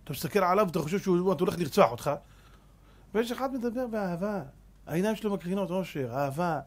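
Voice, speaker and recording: Male rabbi, high-pitched, animated storyteller for a congregation lesson. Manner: animated storyteller, swings between loud and hushed; acts out characters in anecdotes. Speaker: rabbi teaching a Torah class.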